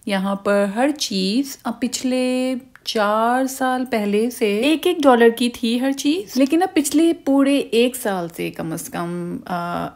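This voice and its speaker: A woman's voice: on the high side, expressive, a little mellow. Chatty woman shopping vlogger. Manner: chatty, explanatory, frequent "uh" pauses. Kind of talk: casual shopping vlog voice-over.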